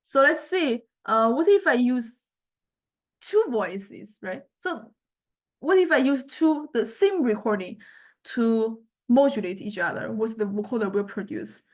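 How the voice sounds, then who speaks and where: Expressive and fairly high-voiced, a woman instructing in music technology leads an informal software lecture that was recorded. She works through a demo by thinking aloud, her explanations coming in tentative, halting bits.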